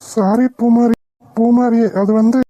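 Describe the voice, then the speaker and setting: A woman's voice: fairly high pitch, flat delivery, slow pace, mellow, dry recording. A woman voicing a playful, blunt young village man in a cartoon, with a brusque, teasing delivery. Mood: apologetic. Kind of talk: cartoon voice acting.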